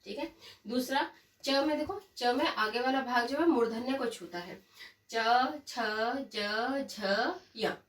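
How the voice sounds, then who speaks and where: A woman teacher giving a lesson, reciting slowly and pausing often to check in with her students. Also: on the high side. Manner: slow, drawn-out recitation with frequent check-ins. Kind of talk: classroom lesson. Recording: echoey room, voice from a distance.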